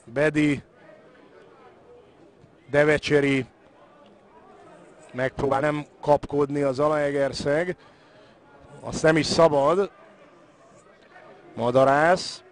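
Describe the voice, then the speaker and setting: A man's voice: on the high side, fairly even intonation, long pauses, a faint crowd. A man giving live football commentary, moving between naming the play and analysing the match.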